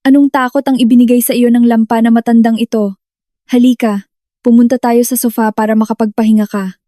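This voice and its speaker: Woman doing a shrill, greedy mother-in-law. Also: flat delivery, a little fast, dark tone, dry recording, studio quality, natural voice. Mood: gushing. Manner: screeching, contemptuous.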